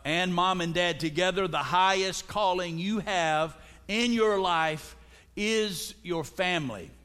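A man preaching from the pulpit, playful and direct with his listeners. His voice sits a little high for a man. A long church reverb rings behind every phrase. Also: slow pace, pushed and bright, clear, resonant tone. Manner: humorous, calls out to the congregation. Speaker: pastor. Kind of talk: sermon. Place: church sanctuary.

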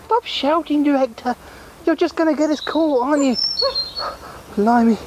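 A man putting on a very high voice for an exhausted, exasperated male leader who keeps begging for rest. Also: normal speed, noisy background. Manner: breathless, pleading and exasperated. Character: exhausted male group leader, frantic and complaining. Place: outdoors.

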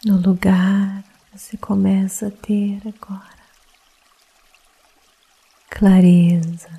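A woman guiding a sleep meditation in a soft, breathy, partly whispered voice, hushed and calming as if late at night. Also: mid-range voice, takes it slowly. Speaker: meditation guide.

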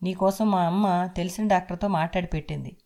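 A man's voice: sits high, fairly even intonation, quick pace. A woman reading a bossy, boastful young husband. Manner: loud, bossy.

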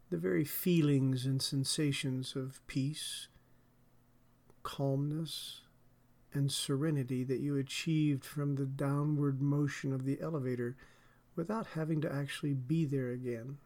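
A man leading a guided relaxation as a podcast host, soothing and deliberate in his measured phrasing. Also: medium pitch, level tone, darkish tone.

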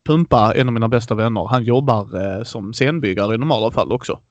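A man's voice: mid-range voice, no echo, muffled recording. A man hosting a casual podcast chat, animatedly retelling a tabletop game session and acting out the players' lines. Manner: animated storytelling, acts out players' lines, laughs a lot. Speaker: podcast host.

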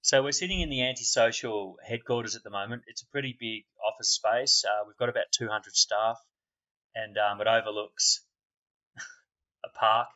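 A man co-hosting a casual podcast, joking in a dry, deadpan way. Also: medium pitch, normal speed. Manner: dry, deadpan, self-mocking humor. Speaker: podcast co-host. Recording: dull lo-fi sound.

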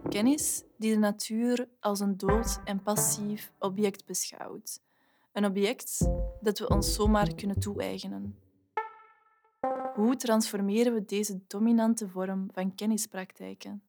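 A woman gives a measured, scripted documentary voice-over at a middle pitch. Loud instrumental music plays right under her the whole time. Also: little pitch movement. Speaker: documentary narrator. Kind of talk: scripted narration.

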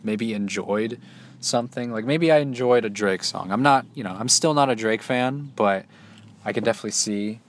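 A young man in his twenties talking casually to the camera, loose and halting, with many restarts and fillers. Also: fairly low pitch, slight background noise. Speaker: solo vlogger. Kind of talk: casual rambling monologue.

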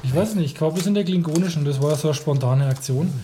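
Higher-voiced man, chatty and sidetracked. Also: quick pace, background noise. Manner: chatty, easily sidetracked, laughs often. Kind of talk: casual chat.

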